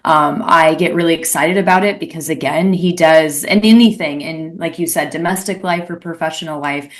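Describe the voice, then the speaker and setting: A woman's voice: low voice, moderate pace. A young adult woman co-hosting an interview podcast, gushing and rambling in casual chat. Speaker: podcast co-host.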